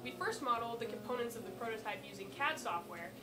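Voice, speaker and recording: A young woman, a graduate student, explaining her lab work in a clear rehearsed way, recorded in an indoor lab. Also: fairly high pitch, expressive, quick pace. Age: young adult. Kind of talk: explaining to camera. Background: loud music.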